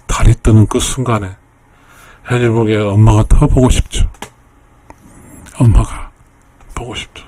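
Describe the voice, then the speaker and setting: A man hosting a YouTube channel, giving a lecture-style analysis of song lyrics, emotional and repeating phrases over and over. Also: on the low side. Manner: polite addresses to viewers.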